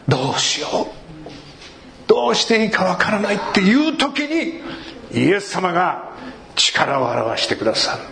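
A man pastor giving an earnest sermon and prayer to a congregation, with warm asides. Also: high voice, slight background noise. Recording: echoey hall, faint room ambience.

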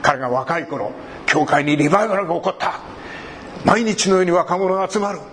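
A man's voice: sits high, brisk, fairly bright tone, a little hiss or hum. A man preaching a sermon. He talks animatedly, cracks jokes and acts out short everyday conversations. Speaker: pastor.

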